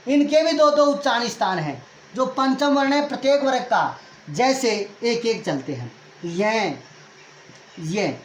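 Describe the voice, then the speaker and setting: A male teacher lectures at a board, putting questions to his class and answering them himself as he repeats each point. His voice rings in a roomy, echoing space over a faint hiss of background noise. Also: very high voice. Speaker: Sanskrit grammar teacher. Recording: echoey room with faint noise.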